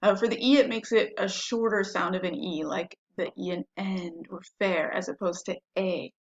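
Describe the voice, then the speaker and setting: A woman's voice: fairly low pitch, fairly even intonation, normal speed. A woman teacher giving a patient, step-by-step lesson, spelling words out letter by letter. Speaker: French teacher. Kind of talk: classroom-style lesson.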